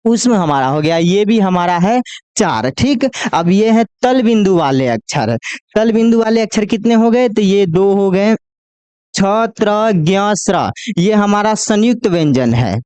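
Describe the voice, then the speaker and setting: A man teaching Hindi grammar in a coaching class, who asks the class questions, answers them himself and draws the letters out slowly as he lists them. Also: high-pitched, animated, darkish tone, clear, resonant tone, no room sound. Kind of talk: classroom lecture.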